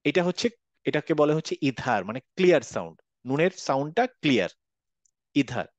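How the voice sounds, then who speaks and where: A man's voice: mid-range voice, sing-song, fairly quick, no echo. A man teaching a Quran recitation class online, patiently repeating examples and checking that students follow. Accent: Bangladeshi Bengali.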